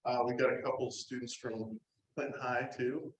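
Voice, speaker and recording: A man running the fellowship part of a club meeting, teasing the room in a playful deadpan way. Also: medium pitch, normal speed, gravelly. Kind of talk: casual joking announcements. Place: meeting hall. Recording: roomy hall with faint noise.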